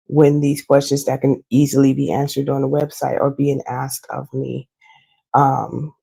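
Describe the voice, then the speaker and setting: A hoarse woman, a loctician, gives a chatty and explanatory screen-share walkthrough of her website for her clients. She uses frequent fillers. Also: very deep voice, warm tone.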